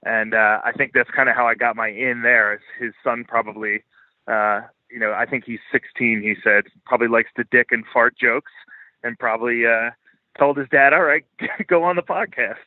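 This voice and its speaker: Speaking at a moderate pace with a steady tone and medium pitch, this Philadelphia man is an interview guest in casual, unscripted chat. He's blunt, swears, and pokes fun at himself; the line sounds thin and phone-like, with no room sound.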